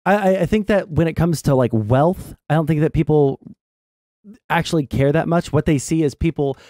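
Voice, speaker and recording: A young adult man hosting a stream, explaining his political views casually in a measured, halting way. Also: a little high, warm tone, no echo, clean studio sound. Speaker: streamer host. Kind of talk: casual political discussion over a game stream. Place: small indoor streaming room. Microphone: close desk mic with headset.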